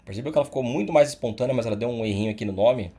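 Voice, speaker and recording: A man's voice: medium pitch, very fast, warm tone, slightly rough. A man teaching an online course in a casual, explanatory way, often tagging sentences with "tá?" and "né?". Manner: casual, explanatory, frequent "tá?" and "né?" tags. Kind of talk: screen-recorded tutorial.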